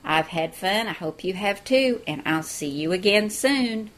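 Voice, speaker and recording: A woman's voice: medium pitch, expressive, a little slow. A woman hosting a cooking show from her home kitchen, chatting through a recipe step by step. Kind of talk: friendly cooking demonstration.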